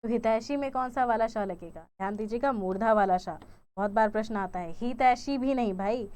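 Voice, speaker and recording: A woman's voice: mid-range voice, brisk, a little mellow, smooth. A young woman teaching an exam-prep grammar lesson, quizzing her viewers and repeating each answer choice as a question.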